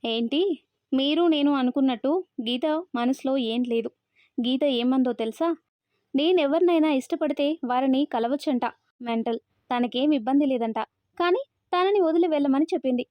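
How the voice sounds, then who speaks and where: A grieving young man, earnest and devoted, told in a storybook voice by a woman narrator. The voice sits high and is recorded dry. The sound is a little dull. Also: moderate pace, no echo, lightly acted.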